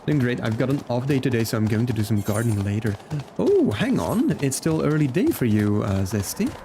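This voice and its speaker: With a warm, sing-song, medium-pitched voice at a moderate pace, a man from Belgium live-streams games and chats with viewers, greeting each by name. English isn't his first language; he learned it through video games. Some slight background noise is present.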